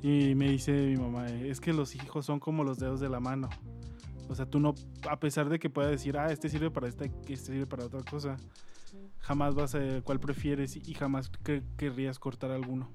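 A man's voice: mid-range voice, flat delivery, normal speed. A young man, chatting casually and joking, telling stories with acted-out quotes. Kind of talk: casual chat. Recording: music playing under the talk.

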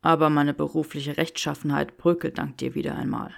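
A woman voicing a lovestruck young wizard, speaking low and wry. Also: flat delivery, fairly quick, vocal fry. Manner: murmured, wry.

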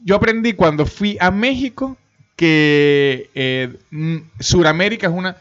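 A man's voice: fairly high pitch, expressive, measured pace, a bit bright. A man, a comedian and guest, chatting casually on a podcast and explaining things with rambling comparisons. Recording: muffled lo-fi audio.

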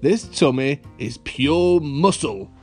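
A man's voice: fairly high pitch, expressive, takes it slowly, a little mellow, soft background music. A man voicing a genial, blustering father pig in a children's storybook, good-natured and bumbling. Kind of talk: children's cartoon storybook read-aloud.

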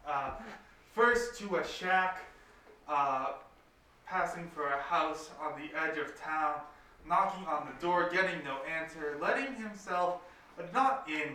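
A man runs a tabletop game, narrating scenes in a rambling way with plenty of fillers. His voice is bright and a bit high. He sits back from the mic in a roomy, echoing space. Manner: meandering with many fillers. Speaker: game master. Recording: roomy room, distant mic, faint noise.

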